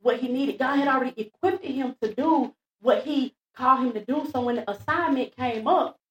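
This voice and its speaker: A woman speaks to a church congregation, retelling scripture with lively, looping repetition and acting out the quotes. Her voice sits a little high. The room rings with echo. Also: moderate pace, dull audio. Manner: lively, repeats phrases, acts out quotes, laughs at herself. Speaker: church speaker before the pastor. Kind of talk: animated sermon retelling Bible stories. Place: church sanctuary.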